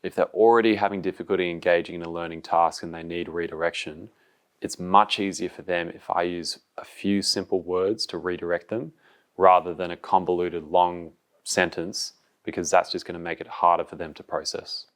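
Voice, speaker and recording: Deep-voiced guy teacher, calm and slow, keeps it simple. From Australia. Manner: calm, slow, few words. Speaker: secondary school teacher. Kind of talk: classroom instruction and explanation.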